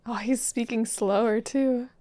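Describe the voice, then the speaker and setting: A young woman hosting an anime reaction, gushing with excitable, giggly comments and gasps. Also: fairly high pitch, measured pace.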